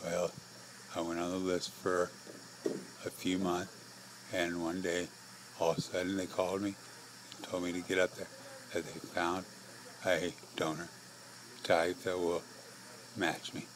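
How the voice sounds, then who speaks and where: Middle aged american guy, out of breath and frail, halting, deep flat voice telling his life story. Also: a little hiss or hum, rough recording. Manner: halting, short phrases with pauses. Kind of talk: personal testimony to camera.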